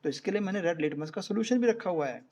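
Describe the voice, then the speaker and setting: A man's voice: high-pitched, lively intonation, fast talker, a little mellow. A man with an Indian accent teaching an online science class in Hindi, explaining step by step and often checking whether students follow.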